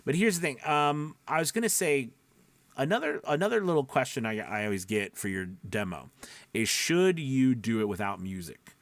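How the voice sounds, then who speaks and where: With a sing-song, mid-range voice at a moderate pace and no room sound, a man coaches voice-over talent as their mentor. He's chatty and emphatic, rambling and self-interrupting, and keeps checking in with brief questions.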